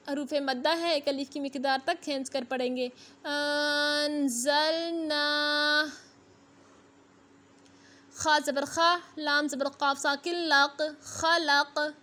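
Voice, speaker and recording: A woman teaching a Quran reading lesson, spelling out syllables and drawing them out slowly, then explaining the rules briskly. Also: high-pitched, fairly bright tone. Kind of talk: slow spelled-out tajweed lesson.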